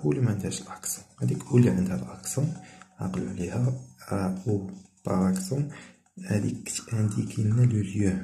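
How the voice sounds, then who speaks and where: A man with a Moroccan Arabic accent, a teacher going through primary-school French exercises and reading the French sentences out slowly. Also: fairly low pitch, vocal fry, warm tone. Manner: switches between Moroccan Arabic and slow, careful French dictation.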